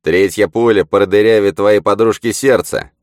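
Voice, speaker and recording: A man's voice: lowish voice, fairly even intonation, moderate pace, no echo, clean studio sound, voice pushed up, natural voice. A man voicing a hissing, treacherous spy villain. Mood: commanding. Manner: hissing, menacing threats. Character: treacherous male spy, cold and mocking.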